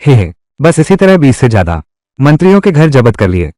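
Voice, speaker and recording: Scheming young emperor for a drama dub, sly and taunting, very lively inflection, dry close sound voiced by a man. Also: mid-range voice, fairly quick, dry recording, close to an everyday voice. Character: scheming young male emperor, mocking and cunning. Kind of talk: Hindi dub of a historical drama.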